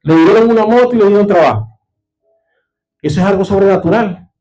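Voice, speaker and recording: High-voiced, mellow preaching pastor. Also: male voice, a little fast, low-quality recording. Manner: storytelling preacher who checks in with the congregation. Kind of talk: sermon. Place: church service.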